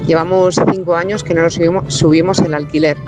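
A woman, a caller leaving a calm, matter-of-fact recorded message. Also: fairly low pitch, brisk, over music. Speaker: radio caller, landlady.

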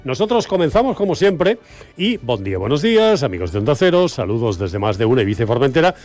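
A man's voice: medium pitch, very animated, a little mellow, soft background music. Chatty radio host in his sixties. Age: 60s. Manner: chatty, joking, quick agreeing interjections. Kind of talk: casual morning radio chat. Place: radio studio.

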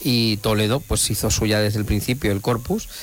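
A man's voice: fairly low pitch, steady tone, moderate pace, soft background music. A middle-aged man from Spain, a radio station director, talking at length in an eloquent, discursive way with frequent restarts. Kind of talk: reflective radio conversation.

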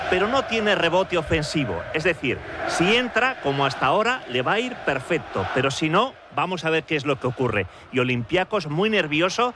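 A man giving measured tactical basketball analysis live on the radio. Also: fairly high pitch, very animated. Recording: clear venue noise behind.

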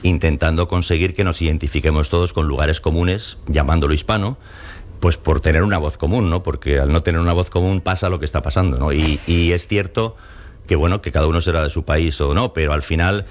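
A man, an author being interviewed, explaining history in a lively, storytelling way and acting out the voices of the people he quotes. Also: extremely low pitch, a little fast. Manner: frequent restarts and fillers. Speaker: author guest. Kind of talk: conversational interview.

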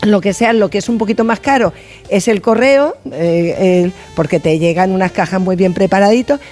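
A woman's voice: medium pitch, moderate pace, a little mellow, faint music behind. A woman from the studio audience chats on a radio show, talking hesitantly with many fillers. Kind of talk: casual chat on a radio show.

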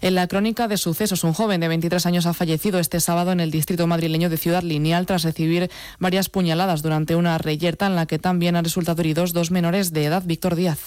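Male bulletin presenter, Spanish accent, fairly high and even-toned, scripted news delivery. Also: fast talker, clear, resonant tone, no echo. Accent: Spain.

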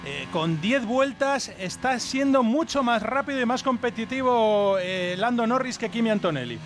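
A man's voice: very high-pitched, lively intonation, normal speed, a bit bright, slight background noise. A man with a Castilian Spanish accent commentating live on a motor race as lead commentator, following the action and putting questions to his colleagues.

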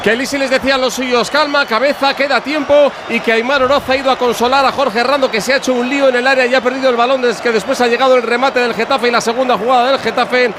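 A man's voice: extremely high pitch, fairly even intonation, racing. A man giving a live sideline report at a football match. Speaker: pitchside radio reporter. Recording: noisy stadium with crowd.

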